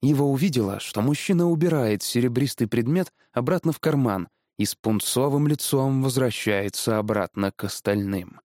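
A man reading a children's story aloud in a lively, animated way. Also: medium pitch, moderate pace, few pauses, dry recording, studio quality.

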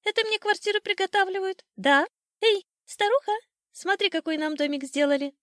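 A woman voicing a cocky, boastful old male sparrow in a storybook tale, shrill and teasing. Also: normal speed, a bit bright, no echo, clean studio sound. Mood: boastful chirpy.

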